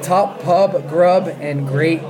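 Hoarse male podcast host, slightly high-pitched. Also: steady tone, slow pace, crowd noise. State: hoarse, worn-out voice. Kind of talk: casual conversational interview. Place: pub.

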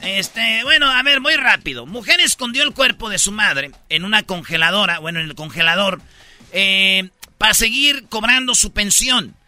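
A man's voice: sits high, animated, moderate pace, pushed and bright, dry recording, soft background music. A Mexican man hosting a radio show, telling jokey news stories in casual slangy chat. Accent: Mexican Spanish.

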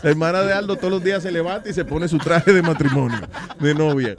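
A man's voice: fairly high pitch, fast talker, crowd noise. A male radio host in casual chat, joking and laughing often, dropping English phrases into his talk.

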